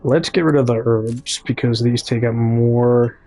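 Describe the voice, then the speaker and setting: A gaming YouTuber with a Midwestern American accent chats casually over gameplay, addressing viewers directly and often correcting himself mid-thought. His medium-pitched voice is dark and steady, with a measured pace.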